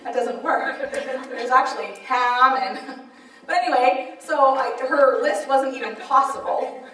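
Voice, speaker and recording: Woman speaker, animated testimony, high voice, big echoey hall, distant mic. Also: unhurried. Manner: animated, laughing storytelling. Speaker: author and speaker. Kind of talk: personal testimony at a church event.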